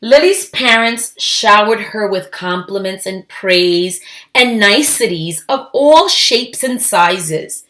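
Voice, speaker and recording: Slow-paced woman reading a children's story. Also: mid-range voice. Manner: expressive, emphatic. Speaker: read-aloud storyteller. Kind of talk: children's storybook read-aloud with asides. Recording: echoey, roomy sound.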